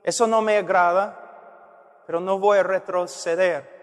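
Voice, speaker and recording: A man's voice: sits high, steady tone, measured pace. A middle-aged male preacher delivering an earnest, emphatic sermon, heard in a reverberant hall.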